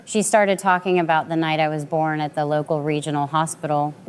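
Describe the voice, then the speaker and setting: A woman in her late twenties giving a measured, dramatic first-person story narration. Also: deep voice, flat delivery. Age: late 20s.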